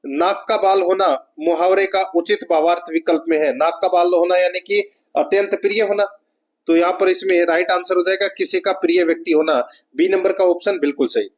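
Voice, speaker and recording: A man's voice: high-pitched, steady tone, normal speed. A man with a Rajasthani Hindi accent teaching an exam prep lesson, reading out each question and explaining the answer, often calling his viewers friends. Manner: repetitive, keeps addressing viewers as friends.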